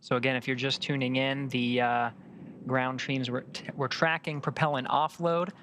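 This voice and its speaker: Male broadcast commentator, mid-pitched, measured and halting, faint noise behind the voice. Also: little pitch movement, fairly bright tone. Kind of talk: live explanatory commentary.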